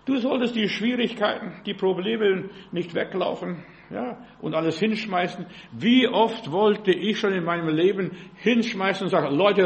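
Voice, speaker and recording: Older pastor preaching with emphasis. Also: male voice, sits high, vocal fry, highs cut off. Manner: emphatic, full of rhetorical questions. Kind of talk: sermon.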